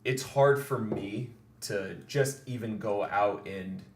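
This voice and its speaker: A man's voice: fairly low pitch, takes it slowly. A man co-hosting a podcast in casual chat, rambling with many restarts. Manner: rambling, restarts and laughs often. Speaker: podcast co-host. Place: studio or room for a podcast. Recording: echoey room with faint noise.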